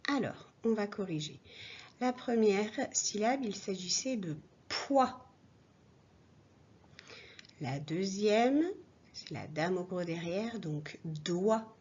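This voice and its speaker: A primary school teacher gives small children a reading lesson, speaking slowly, clearly, and patiently while addressing a child directly. Her voice is soft, slightly husky, medium-pitched, and expressive. The audio is dull and lo-fi, as if from a home mic.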